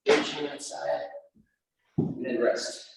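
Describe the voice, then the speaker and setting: A man leading a live workout class, counting down reps and calling out encouraging cues. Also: measured pace. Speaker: fitness instructor. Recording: echoey room, distant mic, faint noise.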